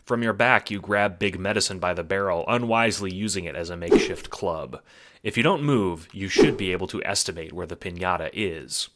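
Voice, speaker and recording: A man with a low, brisk, slightly bright voice narrates a scripted second-person story in a dramatic storytelling style. He is the narrator and producer, and music plays beneath his voice.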